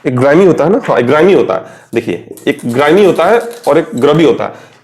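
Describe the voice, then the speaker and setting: A man's voice: fairly high pitch, expressive, brisk, darkish tone. A young Indian man teaching an English vocabulary lesson at a board, chatty and quizzing his viewers before answering himself. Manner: chatty, asks questions and answers them himself.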